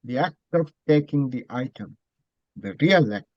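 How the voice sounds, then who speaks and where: A man, a Buddhist monk teacher, telling a story in a dharma talk, speaking slowly and deliberately and repeating phrases. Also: medium pitch, animated, dry recording, dull audio.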